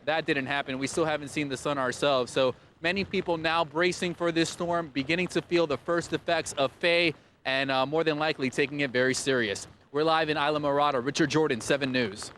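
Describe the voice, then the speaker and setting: A man's voice: a little high, steady tone, brisk, a bit bright. A man reporting live for TV news from a windy beach, with an urgent, projected delivery. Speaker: field reporter.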